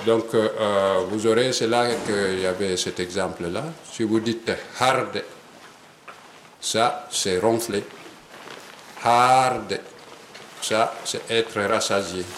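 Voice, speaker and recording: A man giving an academic lecture, hesitant with many fillers and an occasional soft chuckle. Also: lowish voice, a little hiss or hum. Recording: roomy hall with faint ambience.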